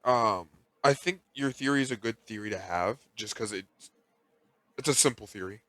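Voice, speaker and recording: Bright-voiced man co-hosting a podcast. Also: on the low side, normal speed. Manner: teasing, animated bursts of emphasis. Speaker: podcast co-host. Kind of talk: casual chat.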